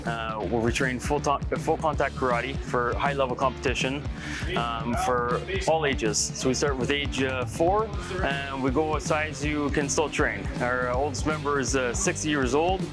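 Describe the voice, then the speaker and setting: A man who runs and teaches at a karate school, speaking informally and often pausing on fillers. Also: mid-range voice, fairly even intonation, loud music behind the voice. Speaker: karate instructor.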